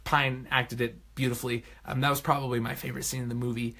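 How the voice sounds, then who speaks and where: A man hosting his own vlog, giving a casual spoken movie review from a room at home at night, excitable and effusive, swinging between loud bursts and soft murmurs. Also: medium pitch, fast talker, gravelly.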